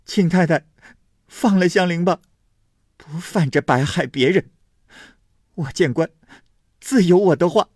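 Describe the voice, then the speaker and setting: A man voicing a sharp-tongued young maid, defiant and cornered, in a shrill, quick, indignant voice. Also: expressive, no echo, clean studio sound.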